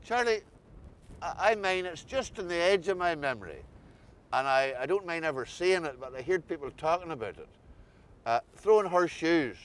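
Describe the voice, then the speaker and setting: A man with an Ulster Scots accent interviewing casually, often halting and repeating words. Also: on the high side, expressive, slight background noise.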